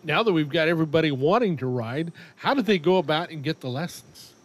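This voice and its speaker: High-voiced folksy man hosting radio. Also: lively intonation, brisk. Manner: folksy, enthusiastic. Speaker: radio show host. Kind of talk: casual on-air interview chat. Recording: clear background noise.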